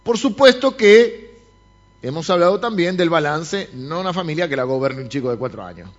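Male pastor with a Rioplatense accent, higher voice, preaching to the congregation, dull recording. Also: normal speed. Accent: Rioplatense Spanish. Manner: lively, speaks directly to the congregation. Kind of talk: sermon. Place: church service.

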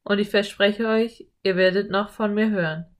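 A woman's voice: medium pitch, steady tone, moderate pace, close to an everyday voice. Woman playing a hearty cowboy man. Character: friendly drawling male cowboy. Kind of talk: audiobook character voice.

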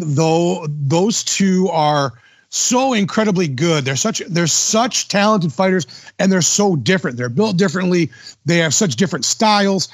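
A man's voice: a little high, no room sound, studio quality. A man hosting a podcast in casual chat, enthusiastic and full of slang like dude and bro. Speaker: podcast host.

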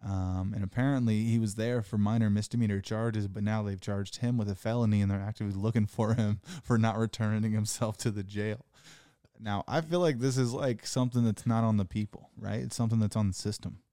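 A man's voice: lowish voice, steady tone, brisk, warm tone, clean tone, no room sound, clean studio sound. A man in his thirties chatting casually as a podcast host and comic, rambling with lots of "like" and swearing. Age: 30s. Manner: loose, rambling, swears often, says "like" a lot. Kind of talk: casual chat.

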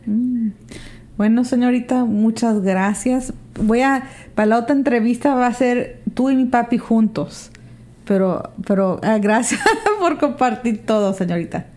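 A young woman interviews her mother, asking short, gentle questions. Her voice sits fairly high, and she speaks slowly and unhurriedly. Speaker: interviewer, daughter. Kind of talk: casual family interview.

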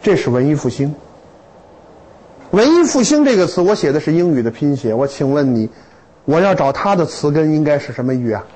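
Husky, animated male lecturer. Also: fairly high pitch, a little fast, low-quality recording. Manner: animated, humorous storytelling with rhetorical questions. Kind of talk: lively classroom lecture. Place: lecture hall with students.

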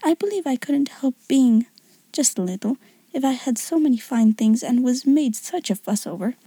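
An honest young schoolgirl, voiced by a woman narrator talks frankly in a soft, breathy hush. Her tone is mellow and dark, recorded close and dry. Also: sits high, lively intonation, normal speed, no echo, heavily acted. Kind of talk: audiobook character reading.

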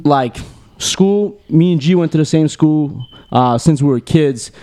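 A man from Lebanon chatting as a guest, halting and thoughtful. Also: on the high side, dark tone. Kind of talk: casual chat.

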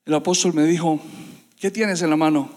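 Male preacher, high voice, fervent sermon, long church reverb. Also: fairly even intonation, moderate pace. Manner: impassioned, builds to loud repetitive emphasis. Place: church hall.

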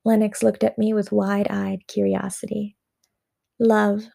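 A woman narrating a personal story in the first person, in a gentle, unhurried way. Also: medium pitch, fairly even intonation, creaky, no echo, clean studio sound.

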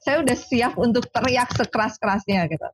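A woman, a sports psychologist telling lively stories in a casual interview. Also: on the high side, fairly quick, background noise. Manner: animated storyteller, acts out quoted dialogue.

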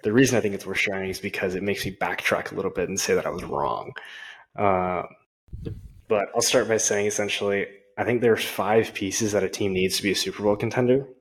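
Husky low-voiced man chatting sports. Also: fairly quick, low-quality recording. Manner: rambling, filler-heavy. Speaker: podcast co-host. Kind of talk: casual sports chat.

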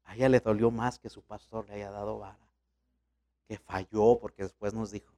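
A man's voice: on the low side, fairly even intonation, normal speed, warm tone. A man, a pastor preaching a sermon in a colloquial, storytelling way.

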